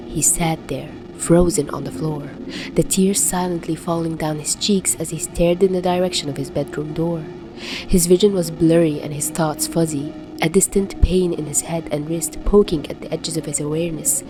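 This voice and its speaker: Low-voiced woman reading softly. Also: noisy background. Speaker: podfic reader. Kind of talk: reading fan fiction aloud.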